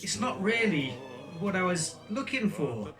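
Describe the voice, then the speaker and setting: A man's voice: high voice, sing-song, measured pace. A man performing as a kids party magician, chatty and playfully bumbling, coaxing his young audience along with questions. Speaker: children's magician entertainer presenting a Christmas show. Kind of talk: kids' party magic show patter, chatty and interactive. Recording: distant microphone, music behind.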